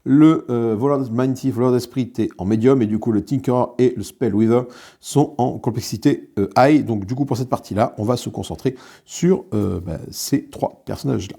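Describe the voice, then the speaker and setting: A man talks through a solo board game session in a relaxed, chatty way, often trailing off into hesitations and joking at his own expense. His voice is mellow and dark, sitting at an ordinary middle pitch. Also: moderate pace, gravelly. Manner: chatty and self-mocking, with many hesitations. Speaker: board game video host. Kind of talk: casual solo playthrough commentary.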